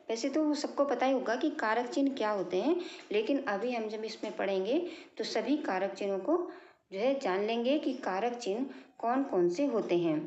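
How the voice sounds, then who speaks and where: A woman teacher explaining grammar to pupils, going over each point slowly and again, asking if they follow. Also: on the high side, a little mellow. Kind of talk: classroom grammar lesson. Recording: echoey room, dull lo-fi sound.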